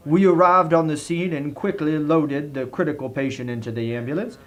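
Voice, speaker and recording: A man with a Southern US accent reads a comic written review as a dramatic story, in a theatrical, genteel manner. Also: a little high.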